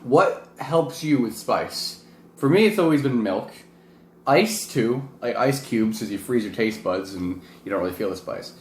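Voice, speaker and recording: A vlog host who's also an amateur wrestler chats casually to camera while eating hot wings, rambling a bit and poking fun at himself. His medium-pitched voice is a little slow and mellow, with lively intonation, and the room echoes with faint background noise.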